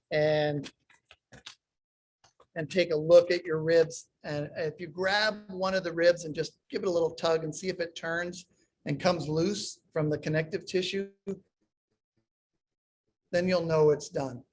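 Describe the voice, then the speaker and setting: A man's voice: fairly high pitch, a little hiss or hum. Man on a choppy call, volume dropping in and out. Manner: explains step by step while handling the food. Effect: audio cutting in and out, uneven volume over an unstable internet call. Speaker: cooking instructor. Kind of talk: live online cooking demonstration. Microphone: video call.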